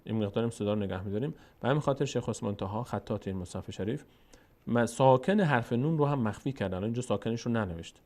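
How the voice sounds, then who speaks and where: A man's voice: mid-range voice, a little mellow. Methodical man teaching Quran reading. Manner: methodical, spells out and slowly drawls syllables to model them. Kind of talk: step-by-step Quran reading lesson.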